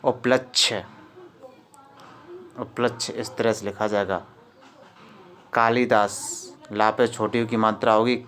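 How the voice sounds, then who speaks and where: Slow, low-voiced male teacher. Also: a bit bright, smooth. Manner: drills words by repeating them and quizzing students. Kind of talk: exam-prep spelling lesson.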